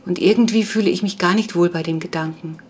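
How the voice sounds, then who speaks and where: A woman reading the part of a caring, persuasive middle-aged mother in an audiobook, calm and reasoning. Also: on the low side, fast, breathy edge. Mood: earnest.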